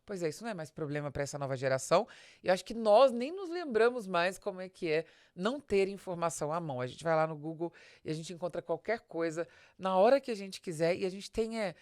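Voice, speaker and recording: A woman with a Brazilian Portuguese accent, a podcast host and business advisor, talks through a business podcast in a conversational, explanatory monologue, putting questions and examples directly to the listener. Her voice is low-ish and darkish, animated and quick, recorded in clean studio sound with no room echo.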